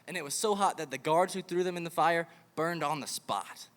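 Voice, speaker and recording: Young male youth preacher, animated storyteller, slightly high voice, echoing hall. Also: fairly quick. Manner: animated storytelling, acts out the king. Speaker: youth camp speaker. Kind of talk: casual sermon to kids. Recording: hall reverb.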